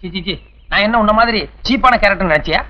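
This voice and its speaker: A man's voice: sits high, fast talker, muffled recording, lightly acted. An actor playing a pompous young bachelor who boastfully lectures his friends, in a comic film scene. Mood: smug. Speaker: bachelor hero Madan.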